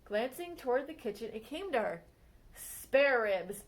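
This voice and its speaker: A woman librarian whose voice is on the high side reads aloud from a picture book biography for young listeners. Her expressive delivery slows on the story's most exciting moments.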